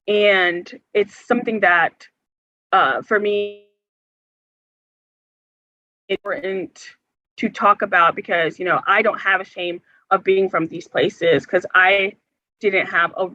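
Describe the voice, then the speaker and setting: A woman's voice: fairly low pitch, slow pace, long pauses, sharp tone. A young woman from the United States, an organizer, earnestly answering forum questions with many hesitations and filler words. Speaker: health care organizer, forum guest speaker. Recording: dull, muffled sound.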